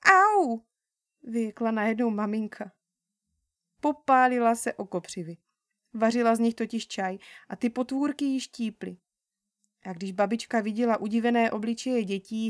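Woman, children's storybook narration, gentle, unhurried, fairly high voice, dry close sound. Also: no echo.

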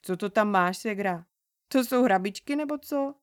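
A woman's voice: mid-range voice, lively intonation, smooth, dry recording, studio quality, natural voice. A woman voicing a cheeky older brother in a storybook, teasing and explaining in a boyish way.

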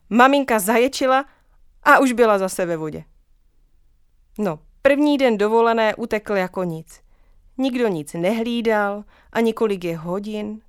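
Smooth-voiced woman reading a children's story. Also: mid-range voice, no echo, clean studio sound.

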